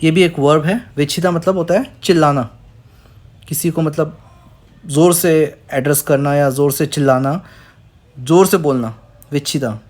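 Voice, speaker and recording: Male language teacher, somewhat high pitch, methodical syllable-by-syllable delivery. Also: a little mellow. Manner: spells words out slowly, syllable by syllable. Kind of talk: explaining Korean words in Hindi.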